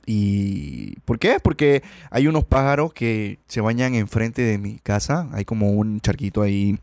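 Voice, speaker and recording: A man's voice: on the low side, animated, measured pace, gravelly, darkish tone, no echo, clean studio sound. A man with a Colombian accent hosting a podcast, telling casual stories in a rambling, slangy way full of restarts. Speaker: podcast host. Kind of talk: casual storytelling monologue.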